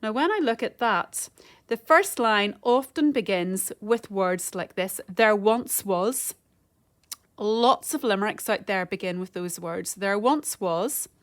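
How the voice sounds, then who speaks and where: A woman, a primary school teacher giving a recorded home-learning lesson, counting lines and syllables slowly and carefully. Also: medium pitch. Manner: slow, careful counting and sounding out rhythm.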